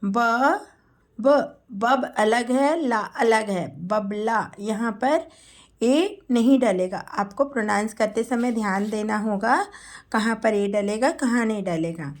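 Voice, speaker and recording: A woman teacher works through a spelling lesson at a very slow, deliberate pace. Her voice sits a little high, and she stretches each name out syllable by syllable as she dictates it. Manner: drawn-out, syllable-by-syllable dictation of names.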